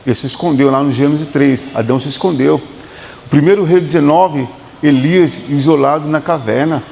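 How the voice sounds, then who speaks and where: A man's voice: fairly high pitch, creaky, darkish tone, long reverb tail, slight background noise. A man with a Brazilian Portuguese accent, a psychotherapist giving a motivational talk in an emphatic, repetitive preaching cadence.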